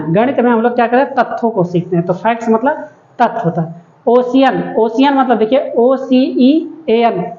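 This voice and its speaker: A woman teacher explaining an English lesson in Hindi to young students. She reads the English lines slowly, spells words out letter by letter and keeps checking with "ठीक है ना?". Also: on the high side, darkish tone. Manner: slow, drawn-out reading of English lines. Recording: echoey room, dull lo-fi sound.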